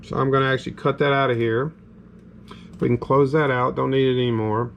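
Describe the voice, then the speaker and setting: A man's voice: mid-range voice, steady tone, brisk, creaky, dull audio, a little hiss or hum. A man with a Southern US accent talking casually through a step-by-step tech tutorial, full of ums and restarts. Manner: rambling, filler-heavy, step-by-step narration. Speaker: game hardware reviewer. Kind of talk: casual screen-recorded tutorial.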